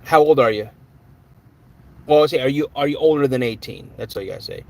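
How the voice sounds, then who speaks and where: A man's voice: mid-range voice, a little fast. A man hosting a live stream in a casual, chatty way, greeting viewers by name and answering their comments.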